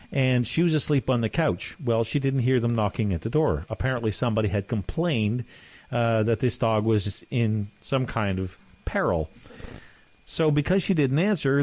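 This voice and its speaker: A man's voice: mid-range voice, a little mellow. A man hosting a talk podcast, giving plain-spoken, folksy opinions in casual commentary. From Canada. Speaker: podcast host.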